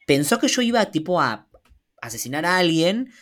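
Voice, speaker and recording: A woman with a Rioplatense Spanish accent, co-hosting a podcast and telling a casual anecdote in an animated, self-mocking way, acting out both sides of the dialogue. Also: fairly low pitch, normal speed. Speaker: podcast co-host.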